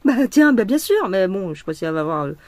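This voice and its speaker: A woman's voice: medium pitch, sing-song, fast talker, a little mellow. A woman vlogging casually while she embroiders, venting her frustration, swearing and rambling with lots of restarts. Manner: rambling with many restarts and fillers. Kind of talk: casual vlog while stitching.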